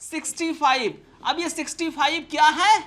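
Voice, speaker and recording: A man leads a classroom-style computer lesson, his voice sitting unusually high. He asks quick check questions again and again to make sure everyone follows. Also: sharp tone. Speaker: computer teacher.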